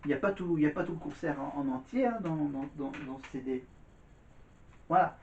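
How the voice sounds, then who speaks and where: A man talks to his viewers in a loose, rambling vlog, circling back to repeat himself. His voice sits a little high. The recording is dull and lo-fi, with a roomy echo around him. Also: brisk, a little mellow, a little hiss or hum. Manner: rambling, repeats words and says "voilà" often. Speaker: vlogger. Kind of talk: casual vlog chat to camera. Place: indoors at home. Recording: echoey room, dull lo-fi sound.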